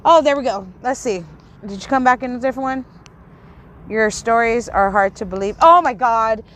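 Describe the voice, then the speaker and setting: A woman's voice on the high side, fairly bright and at a moderate pace, comes through with a little hiss or hum. She is a Texas YouTuber with a stutter and a lisp, ranting furiously at her livestream chat, swearing, confrontational, and constantly restarting sentences.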